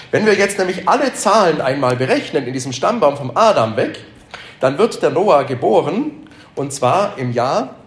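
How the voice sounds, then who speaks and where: A man leads a Bible lesson before a live group, his slightly high voice swinging widely up and down as he quizzes them and echoes back their answers. The room is echoey, with a faint hum of ambience behind him. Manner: keeps asking the group questions, repeats their answers; emphatic repetitions. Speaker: Bible study teacher.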